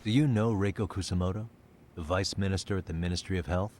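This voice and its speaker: An actor playing a blunt, dogged detective who challenges people informally in a video game drama. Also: male voice, low-pitched, fast talker, a little mellow, a little hiss or hum, natural voice. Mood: probing, blunt. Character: blunt, dogged male detective confronting a shady official. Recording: music behind the voice.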